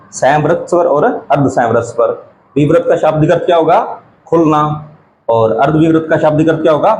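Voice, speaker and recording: A man's voice: a little high, darkish tone, a little hiss or hum, poor audio. Man teaching grammar with a lilt. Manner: asks questions and answers them himself, repeats key terms slowly. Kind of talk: exam-prep lesson.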